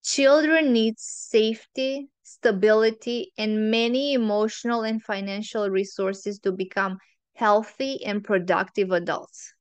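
A woman hosting a relationship advice monologue, earnest and opinionated, laying out her points in measured lists. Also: mid-range voice, fairly even intonation, clean tone, no room sound.

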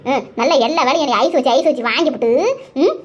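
A woman doing a sharp-tongued cartoon village woman, high voice, rapid-fire taunts. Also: highs cut off, lightly acted. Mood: scolding. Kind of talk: cartoon voice acting.

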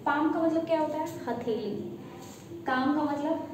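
A woman's voice: high-pitched, normal speed. A woman teaching English vocabulary with an Indian English accent, quizzing listeners, repeating each word and spelling it out letter by letter. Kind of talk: bilingual vocabulary lesson. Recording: very echoey room, faint background noise.

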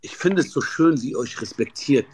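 A man's voice: medium pitch, lively intonation, brisk. A middle-aged man chatting casually as a guest on a livestream. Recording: clearly noisy livestream audio with clicks.

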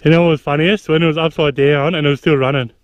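A man's voice: fairly high pitch, steady tone, fast talker, muffled recording. A young man riding dirt bikes outdoors on muddy trails, chatting casually with lots of laughing and swearing. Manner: laughing, swearing, easygoing banter. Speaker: dirt bike rider filming the ride. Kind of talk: casual chat.

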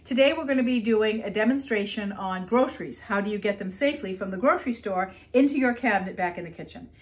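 A woman's voice: mid-range voice, fast talker. A woman in her fifties, a nurse, giving a practical step-by-step demonstration in her home kitchen, recorded on a phone camera up close. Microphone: phone camera at close range.

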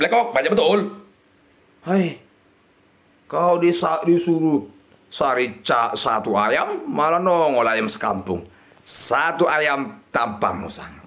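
A man, shouting and muttering over a slot game as he streams it. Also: on the high side, gravelly. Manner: shouting and chanting at the reels, swinging between yelling and mutters. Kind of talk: excited live slot-game commentary.

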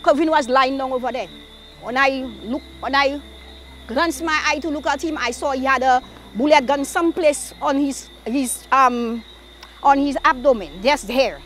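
A woman's voice: high-pitched, normal speed, fairly bright tone, soft background music. A woman giving eyewitness testimony in an interview, retelling events vividly and with animation.

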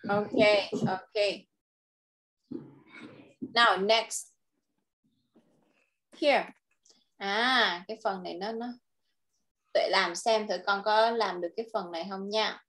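A woman with a Vietnamese accent tutoring English, patiently coaxing and modelling sentences slowly. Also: medium pitch, fairly even intonation, a bit bright. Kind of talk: online tutoring lesson.

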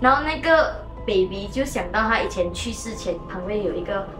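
A woman hosting a show and telling a ghost story casually, animated and mixing in English words. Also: mid-range voice, a little fast. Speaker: host and storyteller. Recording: echoey room with faint music.

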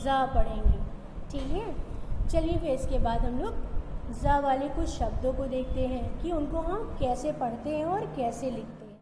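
A woman teacher giving an online lesson to young children, patiently asking questions and answering them herself, saying each word slowly to show how it is spoken. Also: high voice, background noise. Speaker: school teacher.

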